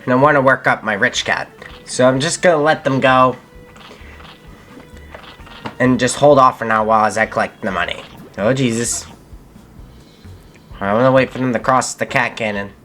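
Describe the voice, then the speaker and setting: A man's voice: medium pitch, fairly even intonation, normal speed, pauses often, sharp tone. A young man giving casual gameplay commentary as a channel host, thinking aloud and correcting himself mid-sentence. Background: faint game music.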